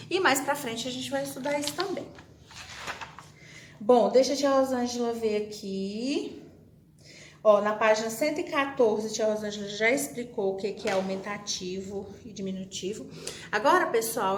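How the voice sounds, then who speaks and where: A woman's voice: high-pitched, a bit bright. A Brazilian woman teacher recording a class for young children, chatty, talking about herself in the third person and acting out her pupils' questions. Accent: Brazilian Portuguese. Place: classroom or room at home with a whiteboard. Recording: echoey room, faint background noise.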